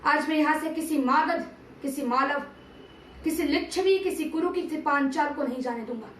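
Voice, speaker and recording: At a normal speed and in a high-pitched voice, a woman performs a dramatic monologue drawn from a TV serial. This amateur plays a stern male teacher-statesman of ancient India with patriotic fervor, her formal diction solemn and declamatory like an orator's. The sound is roomy and distant, with slight background noise.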